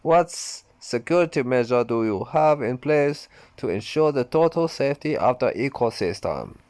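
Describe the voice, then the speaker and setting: A man reading a formal crypto event host's lines in a mock Japanese accent, stiff and halting. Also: mid-range voice, lively intonation, a little mellow, no echo, pitched above the performer's own voice, lightly acted. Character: male crypto event host, formal and polite.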